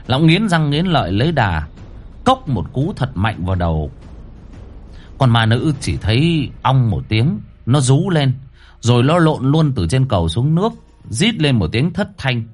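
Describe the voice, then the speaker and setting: A man narrating a horror story dramatically. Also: unhurried. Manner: animated, swinging pitch for drama.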